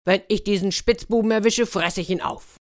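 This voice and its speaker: A woman voicing a gullible, blustering male wolf who speaks loudly and indignantly. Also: medium pitch, moderate pace, voice pushed up, natural voice. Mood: angry.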